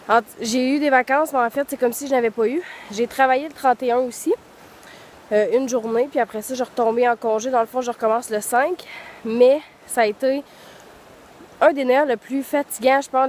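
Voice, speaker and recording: Her voice is high-pitched and a little mellow, with a bit of hiss or hum in the recording. The young vlogger, who has a Quebec French accent, chats loosely and filler-heavy while walking snowy woods in deep cold, stuffed up from the flu and slightly out of breath.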